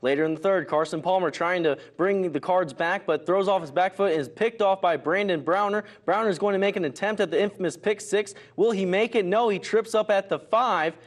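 A man delivering scripted sports news and highlight narration in the manner of a news reporter and anchor. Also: fairly quick, hardly any pauses.

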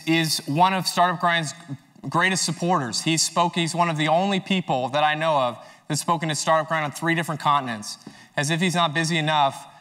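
A man's voice: a little high, pushed and bright. A man hosting a conference, enthusiastically introducing the first speaker on stage with a few stumbles. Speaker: event host. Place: conference stage before an audience.

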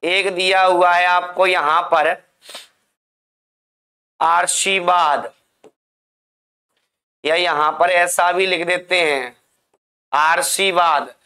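A man's voice: high-pitched, little pitch movement, unhurried, few pauses, bright, forceful tone. A male teacher giving a classroom spelling lesson, drilling and repeating words for his students. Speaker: Hindi teacher.

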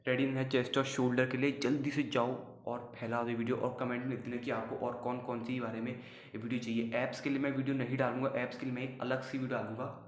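A man's voice: mid-range voice, level tone, quick pace, roomy sound. A man hosting a fitness channel, giving casual, upbeat home workout instructions and urging viewers on.

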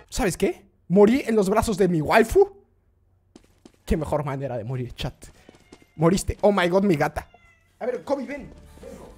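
A live gaming streamer commentating excitedly, often shrieking at the game and constantly talking to the chat. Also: mid-range voice, slightly rough.

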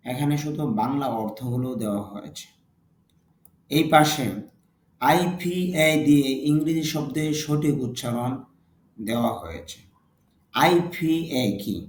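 Male Bangladeshi-accented teacher, measured and slow, drilling words by repetition, echoey room. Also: mid-range voice, a little hiss or hum. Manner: repeats each word twice with its meaning, stressing the English word louder. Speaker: English vocabulary teacher. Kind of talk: slow, deliberate vocabulary lesson with repetition.

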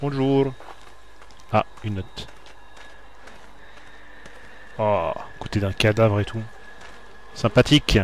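A man's voice: on the low side, measured pace, a little hiss or hum. Jumpy man commenting a horror game. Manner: jumpy, talks to the screen and viewers. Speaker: let's play gamer.

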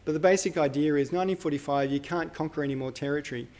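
A man's voice: fairly high pitch, very fast, a little mellow. Man lecturing casually in a hall. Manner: conversational, thinks aloud with fillers and self-corrections. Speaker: university lecturer. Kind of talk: live university lecture.

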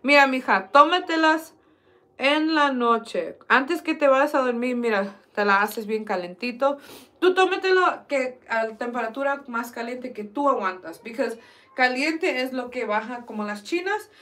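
Young woman vlogger, somewhat high voice, jokey and bilingual. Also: animated, unhurried, fairly bright tone. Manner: joking, switches between Spanish and English. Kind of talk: casual chat.

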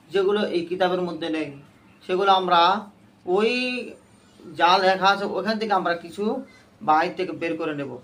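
A man with a high, fairly bright voice teaches a Quran reading class in call-and-response style. He quizzes his students with short, repeated questions and waits for them to answer together.

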